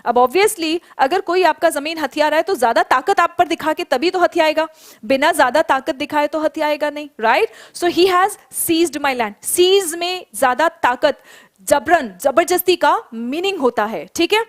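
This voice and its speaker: A young woman runs an online English class, her voice sitting high as she explains in Hindi. She slows right down on each English phrase so the students can say it back. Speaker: English teacher.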